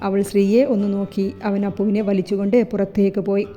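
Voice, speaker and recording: Mellow woman narrating a novel. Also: medium pitch, quick pace. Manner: steady storytelling. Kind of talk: scripted narration. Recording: echoey room with faint music.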